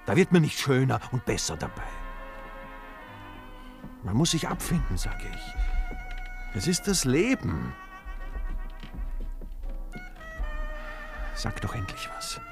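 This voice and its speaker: A man's voice: high voice, wildly swooping pitch, unhurried, long pauses, full character voice. An actor playing a brooding, resigned man back from the war in a radio drama, talking earnestly and pleading. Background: dance music from a gramophone.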